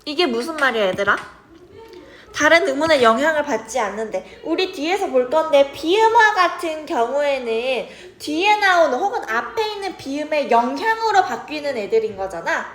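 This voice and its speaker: A woman's voice: high-pitched, very animated, moderate pace, a bit bright. A young woman teaching a grammar lesson, chatty and checking in with her students often.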